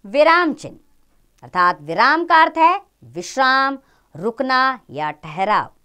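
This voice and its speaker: A woman teaching children a grammar lesson, speaking in an expressive, explaining tone. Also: slow pace, clean tone. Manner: expressive, rises and falls in pitch.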